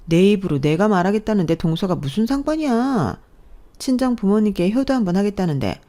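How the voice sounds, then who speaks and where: A woman's voice: mid-range voice, very animated, brisk, mellow, voice pushed up, close to an everyday voice. A woman voicing a snobbish, sneering sister-in-law in a storybook narration, with a mocking, condescending manner.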